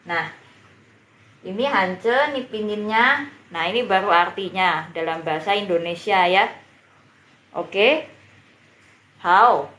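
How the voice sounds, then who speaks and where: A woman's voice: mid-range voice, slow, long pauses, fairly bright tone, reverberant. A woman teaching a beginner language class on a live stream, who patiently repeats each word and drills its pronunciation. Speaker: Mandarin teacher.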